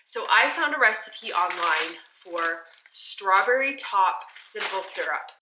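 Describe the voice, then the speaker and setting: A woman's voice: medium pitch, expressive, slow pace, echoey room, noisy background. A woman chatting casually in her home kitchen, explaining her cooking plans step by step and laughing lightly now and then. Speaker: homesteading cooking vlogger. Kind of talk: casual kitchen vlog narration.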